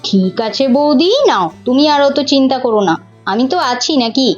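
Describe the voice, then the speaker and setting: A woman voicing a kind, patient young uncle who teaches children to ride a bicycle, talking in a calm, lower voice. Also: moderate pace. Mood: soothing. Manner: soothing and patient. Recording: slightly muffled with faint music.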